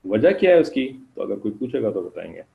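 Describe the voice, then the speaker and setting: A man's voice: on the low side, very animated, gravelly. A man teaching a class, explaining step by step, often checking whether students follow and putting questions to them. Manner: explains patiently, keeps checking "okay?". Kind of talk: classroom lecture. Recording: dull lo-fi recording.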